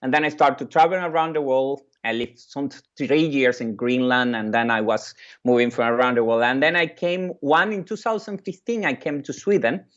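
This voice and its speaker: Sharing personal anecdotes in a keynote, a music educator and orchestra leader from Venezuela speaks haltingly, with pauses and repetition. A native Spanish speaker with a Venezuelan accent, he has a mid-range, slightly bright voice on dull audio.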